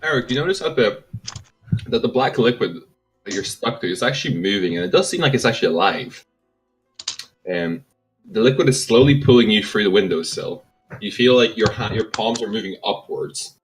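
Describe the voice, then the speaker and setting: Low guy running a tabletop game over voice chat, lots of ums, faint music behind. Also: animated, a little fast, rough recording. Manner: hesitant, many ums, laughs easily. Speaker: game master. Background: faint background music.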